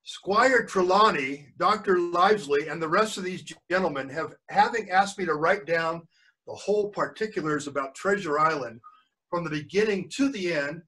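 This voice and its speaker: An older man, a grandfather, reads a story to children on a screen-shared video call, stopping frequently to explain vocabulary and check they're keeping up. He speaks at a moderate pace in a high-sitting, pushed, bright voice, and the recording is rough.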